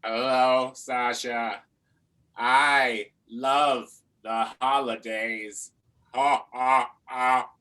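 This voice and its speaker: A man doing a slow metallic robot Santa. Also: mid-range voice, fairly even intonation, pushed and bright. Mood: stiff. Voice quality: robotic, metallic-sounding delivery. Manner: slow, halting, clipped phrases. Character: robot Santa, stiff and mechanical, male. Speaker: improv performer as a dating-game bachelor. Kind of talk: improv comedy game.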